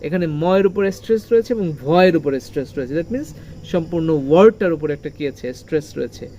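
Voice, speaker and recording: An animated, fast-talking English teacher with a mellow, mid-range voice teaches a group of children, with a little hiss or hum audible. The teacher asks questions and answers them, repeating key words with heavy stress.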